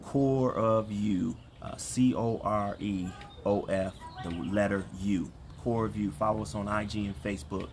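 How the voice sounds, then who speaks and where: A man's voice: on the low side, fairly even intonation, a little slow, few pauses, darkish tone. A man calling from the backyard as co-host of a casual livestream, earnestly encouraging listeners and repeating phrases for emphasis. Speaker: co-host of a relationship ministry livestream. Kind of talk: casual chat with preacherly encouragement. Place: outdoors in a backyard. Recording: some background noise, outdoor livestream.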